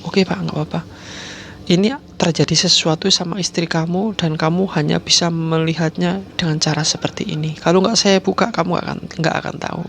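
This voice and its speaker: A man narrator voicing a calm religious teacher who reassures a frightened villager. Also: on the high side, brisk, vocal fry, slight background noise. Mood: reassuring.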